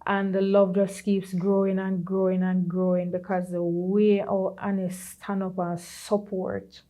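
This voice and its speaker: Jamaican woman, middle-aged, warm low-brightness tone; earnest testimony with vivid patois asides. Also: a little slow. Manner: earnest, moves into patois and lively quoted voices. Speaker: podcast creator sharing her story. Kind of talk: personal testimony in conversation.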